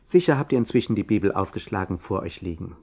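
A man's voice: lowish voice, lively intonation, quick pace, darkish tone, husky. A man presenting a children's Bible program in scripted narration, instructing listeners directly.

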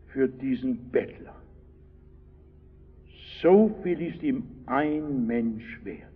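A man's voice: a little high, gravelly, husky. A man preaching a sermon, telling stories dramatically and speaking straight to his listeners. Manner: dramatic storytelling, addresses listeners directly. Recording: lo-fi recording with long hall reverb.

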